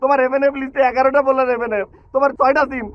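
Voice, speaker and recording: Young Barishal-accented man, high and fast, boastful ranting sketch delivery. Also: flat delivery, muffled recording. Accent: Barishal Bengali. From Barishal, Bangladesh. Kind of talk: comedic rap and sketch acting.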